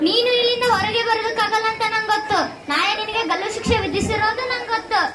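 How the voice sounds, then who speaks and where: A woman's voice: extremely high pitch, steady tone, quick pace, very noisy. A young female performer in a school play, voicing a grieving mother who pleads tearfully with her imprisoned son. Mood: sorrowful pleading. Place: school stage in a hall. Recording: echoey hall with a crowd behind.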